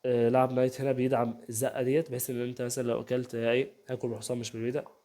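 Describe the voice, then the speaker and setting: A young Egyptian man races through a chess game analysis at a breakneck clip, his voice dark and mellow. He keeps asking the listener whether they follow, in a loose, conversational way. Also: medium pitch, little pitch movement. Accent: Egyptian Arabic. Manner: rapid, chatty, keeps asking "تمام؟", voices players' banter. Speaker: chess youtuber. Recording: home setup, first video.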